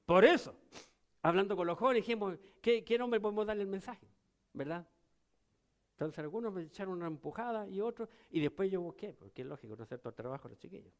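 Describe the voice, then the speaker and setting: An older man with a Chilean accent preaching a sermon as pastor, moving between loud emphatic lines and low, quiet ones. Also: expressive, quick pace.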